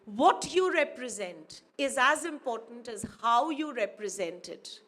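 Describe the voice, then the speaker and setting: This formal ceremony speech in a university auditorium comes from a guest academic, a woman from India whose mother tongue is Urdu. She speaks slowly in a high, fairly bright voice with lively intonation, staying measured and formal and repeating phrases to drive points home.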